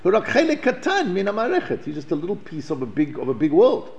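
Here the South African Torah teacher reads Hebrew passages and explains them in English, frequently restarting and repeating words. His high voice swings hugely in pitch, moves at a quick pace, and is a little mellow with vocal fry. The recording sounds lo-fi and dull.

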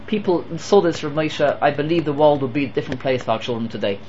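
A man giving a Torah lecture as a rabbi. He mixes Hebrew and Yiddish terms into his English and swings between emphatic and hushed delivery. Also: fairly high pitch, fast talker, lo-fi sound, a little hiss or hum.

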